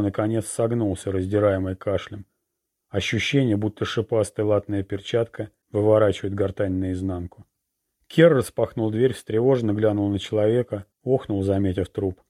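A man narrating a fantasy novel chapter in a steady, even reading. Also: lowish voice. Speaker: audiobook narrator. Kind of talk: scripted narration.

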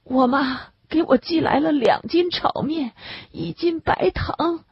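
A woman's voice: sits high, gravelly, no echo, pitched above the performer's own voice, exaggerated voice. A woman voicing a sick middle-aged male camp inmate who wails and chokes on tears as he speaks. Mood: wailing. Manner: wailing, choked with tears, drawn-out. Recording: dull lo-fi recording.

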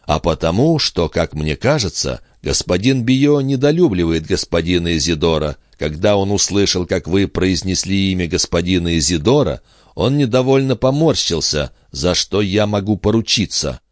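A man's voice: low-pitched, lively intonation, moderate pace, dry recording, clean studio sound. A man doing a flustered young farmhand. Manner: flustered, eager to please. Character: awkward earnest big-handed young farmhand.

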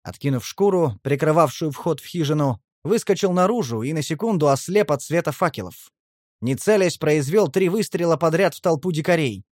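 Man, audiobook narrator, first-person, tense and driven, slightly high voice, dry close sound. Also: expressive, normal speed, a little mellow, dry recording.

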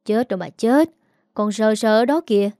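A woman's voice: a little high, moderate pace, warm tone, no room sound, clean studio sound, lightly acted. A woman playing a drunk rambling old man. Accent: Southern Vietnamese. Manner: slurring, rambling.

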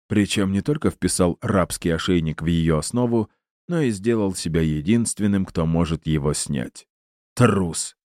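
A man's voice: deep voice, dry recording, studio quality, lightly acted. A man voicing a gleeful, cruel male villain who taunts his captive in a theatrical, mocking way. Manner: mocking, theatrical, rising to shouts.

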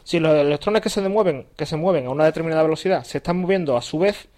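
Guy co-hosting a podcast, chatty, reads mail out fast. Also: a little high, darkish tone. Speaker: podcast co-host. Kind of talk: casual chat, reading listener mail.

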